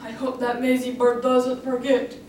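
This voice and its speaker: A woman voicing a kind, faithful male elephant in a duo story performance, earnest and deliberate. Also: fairly high pitch, completely flat delivery, darkish tone, close to an everyday voice. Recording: echoey room, mic far off, faint noise.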